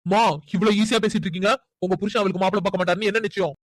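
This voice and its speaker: A rapid-fire, hot-headed cartoon young man, as a performer voices him, possessive and demanding, speaking in a mid-pitched voice. The recording is dry and close. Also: steady tone, no echo, natural voice, low-quality recording. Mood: angry. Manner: shouting, demanding. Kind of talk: cartoon voice acting.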